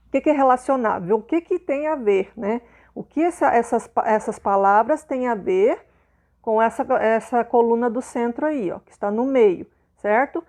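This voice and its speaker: A woman's voice: fairly high pitch, moderate pace, a little mellow. Patient Brazilian woman teacher explaining. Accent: Brazilian Portuguese. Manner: patient, repeats points, checks in with "né?" and "ok?". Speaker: primary school teacher. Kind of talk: explanatory video lesson.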